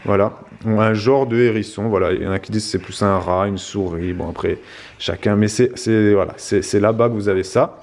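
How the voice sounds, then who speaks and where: A man from La Réunion, speaking French with a Réunion Creole accent, rambles casually through an unboxing for his vlog. His voice is fairly low, a little mellow, and brisk, and he fills his talk with little fillers.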